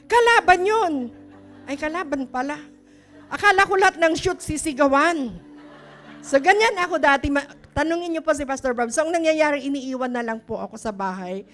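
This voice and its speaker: A high-pitched middle-aged woman, preaching in a conversational, storytelling way and tossing questions to her congregation. Soft music plays faintly behind her. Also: a little fast. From Philippines. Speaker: pastor. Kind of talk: sermon.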